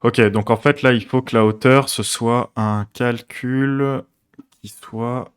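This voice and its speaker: A man's voice: mid-range voice, steady tone, slow pace, clear, resonant tone. A man, streaming a coding session and chatting casually, thinking aloud with many fillers and restarts. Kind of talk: casual live coding chat.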